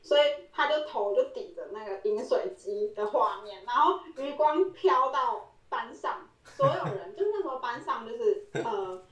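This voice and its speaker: A woman's voice: on the high side, lively intonation, moderate pace, hardly any pauses, distant mic. A woman, co-hosting a podcast and telling a story in casual chat. She laughs often and acts out the quoted lines. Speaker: podcast co-host. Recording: roomy echo, voice set back from the mic.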